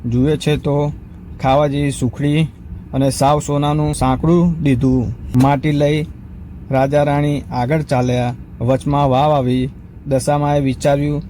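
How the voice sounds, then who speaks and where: A man narrating a devotional folk story in an even, unhurried recitation. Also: mid-range voice, a little hiss or hum, low-quality recording.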